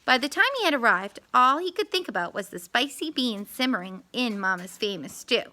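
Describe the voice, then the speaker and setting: An animated woman reads a children's storybook aloud in a bright, fairly high voice. Her pitch rises and falls a lot, and she is expressive, adding little asides and corrections. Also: brisk.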